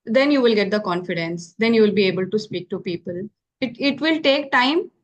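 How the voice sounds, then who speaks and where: An English tutor from Karnataka, South India, guides a beginner through phone conversation practice on a call. Her mid-range voice is animated and brisk, and she patiently repeats key points, checking in often with "okay?".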